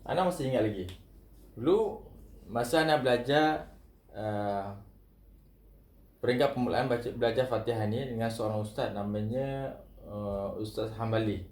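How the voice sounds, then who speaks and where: A man teaching Quran recitation, repeating each sound slowly and chanting verses in a drawn-out way. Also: medium pitch, a little mellow. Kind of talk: recitation lesson. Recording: echoey room.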